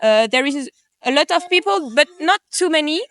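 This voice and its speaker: Woman from France, tourist, hesitant, bright high voice, dry sound. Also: expressive, moderate pace, no echo. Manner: hesitant, many fillers.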